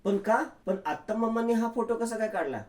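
A man's voice: high voice, fairly quick, voice pushed up, natural voice. A man doing a puzzled, flustered young husband. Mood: puzzled, anxious. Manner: questioning, flustered. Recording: roomy echo.

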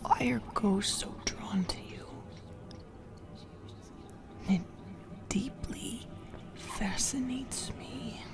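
In this ASMR horror roleplay, a woman plays a sinister female sleep paralysis demon, whispering breathily and intimately with clear music behind her. Her voice sits on the high side and is heavily acted, very slow, teasing and possessive, soothing even as she menaces, fascinated and menacingly tender.

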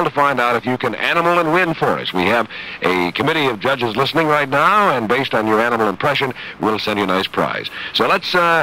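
Man as polite prize-caller, prank phone bit, chipper, coaxing, bright. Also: medium pitch, low-quality recording.

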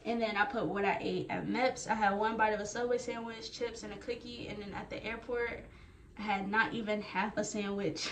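A woman's voice: mid-range voice, fairly quick. Chatty young woman, echoey room. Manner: chatty, animated retelling. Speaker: vlogger. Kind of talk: casual storytelling. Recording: roomy, distant, faint noise.

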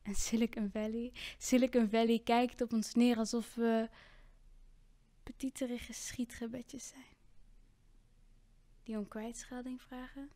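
A woman performing her spoken word poetry, rhythmic and full of repeated lines, moving between loud and hushed delivery. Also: on the high side, flat delivery, measured pace, pauses often, dry recording.

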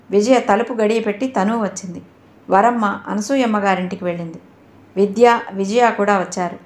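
A woman reading a novel aloud as narrator, voicing every character's dialogue herself. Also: medium pitch. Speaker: audiobook narrator. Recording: roomy echo.

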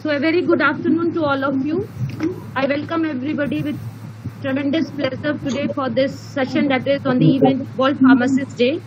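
A woman's voice: high-pitched, fairly even intonation, a little fast, muffled recording. A woman with an Indian accent reading a formal introduction of a guest speaker. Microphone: video call. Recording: noisy video call.

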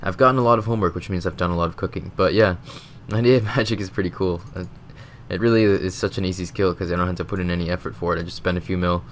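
A deep-voiced man, sick and congested with a stuffed-up nose, does a casual voice-over for a gaming video. He talks fast with hardly any pauses, rambling loosely between thoughts and using lots of filler words, while a faint hum sits in the background.

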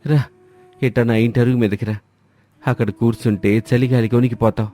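A gentle old villager who lives alone, voiced by a man, talking in a mellow, warm tone. He is soothing and unhurried in manner, and he speaks as a storybook grandfather would. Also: mid-range voice, little pitch movement, natural voice. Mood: reassuring. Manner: gentle, reassuring. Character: lonely old village man, calm and kindly.

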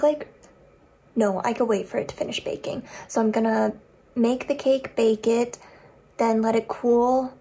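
Young woman, high voice with creaky edges. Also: dark tone. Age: young adult. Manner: chatty, rambling, thinking aloud. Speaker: vlogger, small business owner. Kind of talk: casual chatty vlog to camera. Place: rooms of a home, bedroom and kitchen. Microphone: phone at arm's length.

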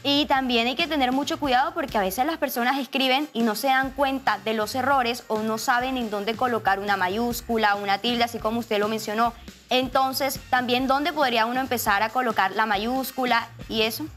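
A woman's voice: on the high side, normal speed, a bit bright, soft background music. A woman with a Colombian Spanish accent hosting a TV show, with an upbeat presenter delivery. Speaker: TV host. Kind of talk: TV show interview.

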